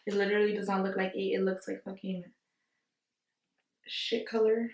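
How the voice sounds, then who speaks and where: A woman's voice: medium pitch, little pitch movement, normal speed, a little mellow. A woman chatting through a casual makeup tutorial, giggly and tipsy, playful, slangy and exclamatory. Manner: giggly, tipsy drunk talk. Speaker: beauty vlogger. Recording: echoey room, distant from mic.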